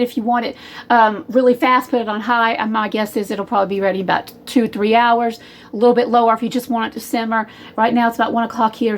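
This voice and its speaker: A woman hosting a casual cooking video in her home kitchen, rambling in a chatty way and calling her viewers y'all. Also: on the high side. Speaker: home cook, channel host.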